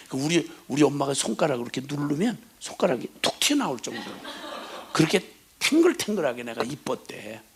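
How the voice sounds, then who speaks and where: A middle-aged man, a missionary, telling stories in a folksy sermon, dropping to hushed asides and bursting into loud laughing exclamations as he imitates his mother's scolding. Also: mid-range voice, a little hiss or hum. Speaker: missionary preacher.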